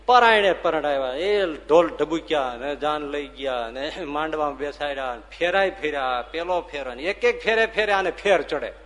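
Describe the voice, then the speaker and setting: Animated man telling a sermon story. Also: fairly high pitch, normal speed, hardly any pauses. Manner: animated storyteller who acts out dialogue and laughs. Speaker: swami giving a religious discourse. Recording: reverberant hall with faint ambient noise.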